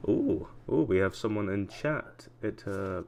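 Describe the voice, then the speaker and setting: Streamer, young man, low deep voice, chatty and self-deprecating, faint keyboard tapping behind. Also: lively intonation, measured pace, a little mellow, a little hiss or hum. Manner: chatty, self-mocking, mutters while playing. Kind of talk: casual gameplay commentary.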